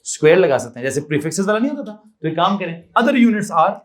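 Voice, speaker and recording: A man with a Pakistani accent teaches a physics lesson in a classroom, and his voice sits high for a man. He fires questions at his students, repeats the answers back, and drops in English terms. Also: very animated, fast. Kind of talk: classroom lecture.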